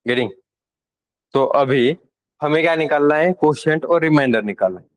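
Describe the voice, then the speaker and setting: A young man lectures a class, mixing terms into his talk and checking often that students follow. His voice sits a little high, and the recording is dry and close. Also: normal speed, no room sound, low-quality recording. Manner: asks the class questions, mixes in English. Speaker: teacher.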